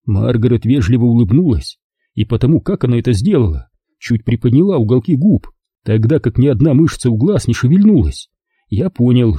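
Man reading an audiobook, husky and dark, lively pitch, dry sound. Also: no echo. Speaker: audiobook narrator. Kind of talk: first-person audiobook narration.

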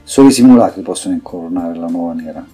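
A weak old sorcerer who has grown suspicious of everyone, read by a man, murmurs in a faint, strained voice. The tone sits low and dark. A quiet husky grain runs through it. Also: fast talker, faint music behind. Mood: weak, urgent.

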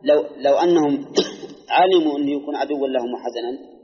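A man with a Najdi Arabic accent teaching Quran exegesis, explaining slowly and quizzing his students. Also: medium pitch. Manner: measured, explanatory, quizzes listeners. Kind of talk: classroom lecture with questions to students. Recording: dull, echoey archival lecture recording.

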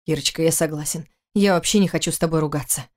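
A woman reading an audiobook, voicing a hot-tempered, jealous young husband in a lowered voice. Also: fast talker, darkish tone, lightly acted. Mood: coaxing.

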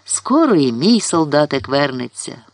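A man's voice: a little high, sing-song, normal speed, no room sound. A man voicing a plump, cheerful middle-aged female train conductor who bustles and calls out in a motherly way, in a storybook reading. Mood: bustling. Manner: bustling, motherly, raises her voice.

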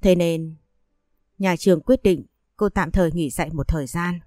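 Woman narrator as a formal school official, low mellow voice, measured delivery. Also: no room sound, studio quality, close to an everyday voice. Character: stern school official breaking bad news.

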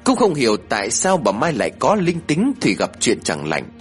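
A man narrating a village ghost story in an expressive, dramatic manner. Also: medium pitch, brisk. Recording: soft music underneath.

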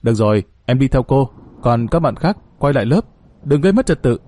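A man voicing a firm adult woman teacher giving brisk instructions to students in a story. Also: mid-range voice, lively intonation, mellow, natural voice.

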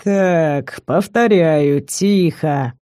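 Audiobook villain: a woman playing a calm, low-voiced werewolf abductor, dry close sound. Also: unhurried, dry recording. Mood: menacing. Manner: low, quiet, threatening, mocking. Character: calm menacing male werewolf kidnapper, young man. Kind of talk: audiobook character voice.

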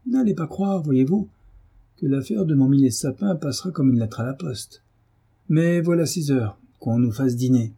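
A man voices a brutish, hot-tempered middle-aged landowner in an audiobook character reading, sounding furious as he blusters, curses and shouts. His medium-pitched voice is expressive, husky and pushed up, with vocal fry, at a moderate pace.

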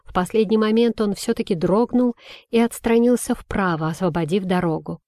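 Woman narrator, children's fantasy audiobook, clear storytelling, dry close mic, mid pitch. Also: normal speed, warm tone, dry recording.

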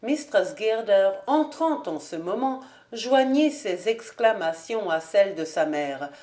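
A woman's voice: mid-range voice, expressive, takes it slowly, a little mellow. Woman narrating a classic novel. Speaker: audiobook reader. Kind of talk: storybook narration.

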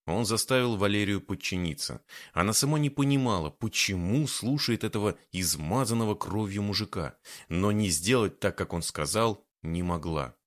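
Low-voiced male storyteller, lively delivery. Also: normal speed, hardly any pauses. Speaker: audiobook narrator. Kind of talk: scripted narration.

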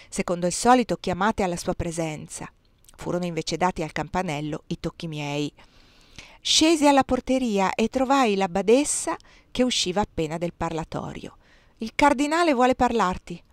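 A woman reading a nineteenth-century memoir aloud, with expressive, lively storytelling. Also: on the low side, no echo. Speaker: reader. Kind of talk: literary audiobook reading.

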